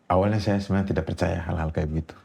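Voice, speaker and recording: A man, telling a personal ghost story in a casual interview, animated and laughing often. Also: racing, gravelly, breathy edge. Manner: animated, jumps high when quoting others, laughs often. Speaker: guest storyteller.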